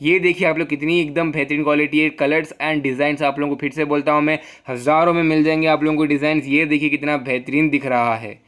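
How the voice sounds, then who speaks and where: A man doing a fast promotional voice-over for a shop, with a salesy pitch and a repeated "dude". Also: fairly bright tone. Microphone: voice-over over photos.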